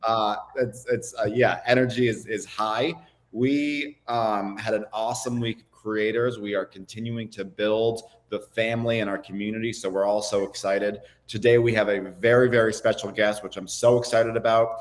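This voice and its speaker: A man co-hosting a livestream chat, upbeat and gushing with excitement. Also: fairly low pitch, moderate pace. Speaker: co-host.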